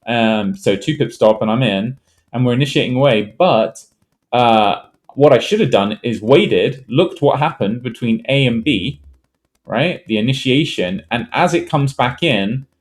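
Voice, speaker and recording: A man in a middle register talks through a chart trade review in a loose, conversational way. He thinks out loud, trails off, restarts his sentences and fills the gaps with ums and you-knows. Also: mid-range voice, animated, a little slow. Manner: rambling, thinks aloud with fillers and restarts. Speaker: trading educator. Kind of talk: casual screen-share trade walkthrough.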